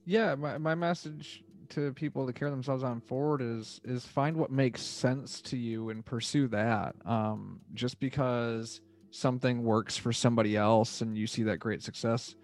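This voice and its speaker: Measured, earnest male podcast guest. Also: mid-range voice, steady tone, soft background music. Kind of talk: reflective conversational advice.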